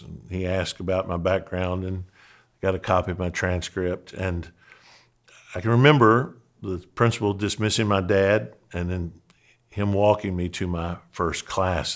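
A middle-aged man with a Southern accent from Kentucky, a pastor telling a personal story in an earnest, animated way with frequent restarts. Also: low-pitched. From Western Kentucky, USA. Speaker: pastor and podcast host.

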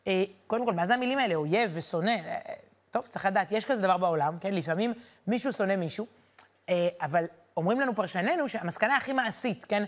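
A woman teaching a weekly Torah portion lesson, talking to listeners in a lively, rhetorical way and stressing the verses she quotes. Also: medium pitch.

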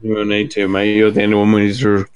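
A man's voice: on the low side, completely flat delivery, fast talker, clear, resonant tone, dry recording, studio quality. A man chatting casually as a panellist in a remote group discussion. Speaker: podcast panellist. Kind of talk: casual chat.

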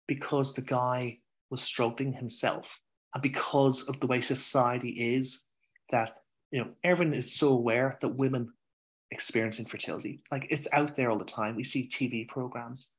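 An Irish man, a podcast guest, telling his own story in a frank, animated way, swearing freely and wandering off on tangents. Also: mid-range voice, moderate pace. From Ireland. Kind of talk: candid conversational storytelling.

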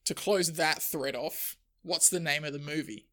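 A podcast co-host in casual chat, teasing in a dry, deadpan way. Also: medium pitch, normal speed.

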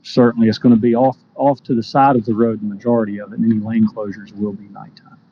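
A man's voice: lowish voice, flat delivery, fast. Man explaining technically, muffled meeting audio. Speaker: water utility official presenting. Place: indoor committee meeting. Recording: dull meeting audio, faint noise.

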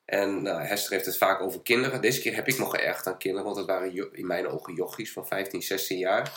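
A man's voice: sits low, fast, echoey room. A man co-hosting a casual podcast, telling an anecdote with lots of restarts and repeated words. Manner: animated storytelling with repeated restarts. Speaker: podcast co-host.

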